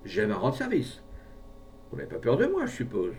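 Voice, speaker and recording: A cunning pharmacist with a persuasive, jolly patter, as a narrator puts him on. His gravelly voice leaps high on every sales pitch. It's heard from a distance over a faint rumble. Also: wildly swooping pitch, normal speed, darkish tone. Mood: eager. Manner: persuasive, wheedling, falsely jovial. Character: scheming smooth-talking male pharmacist.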